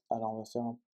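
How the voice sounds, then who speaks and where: A programming tutor with a mellow, mid-range male voice records his screen while teaching a coding lesson in French. He explains each step as he types and checks in with the viewer often.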